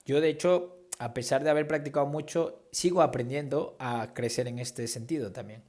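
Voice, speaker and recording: A man's voice: a little high, a little mellow. A man leads a workshop on preaching and public speaking. He explains each technique in an easygoing, conversational way and acts out examples of tone and gesture as he goes. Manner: conversational, demonstrates tones and gestures while explaining. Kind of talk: instructional talk on public speaking.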